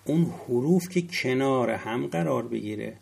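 A middle-aged man giving a classroom lecture on word roots, slowly spelling out letters and rising to stress key points. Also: mid-range voice, lively intonation, vocal fry, darkish tone, breathy edge. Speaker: religious studies teacher.

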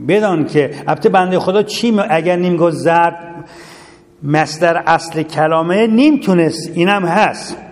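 Man teaching a class with a slightly high voice, engaging the room with questions; recorded with long hall reverb. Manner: lively, asks the class questions. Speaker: seminary teacher. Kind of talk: classroom lecture.

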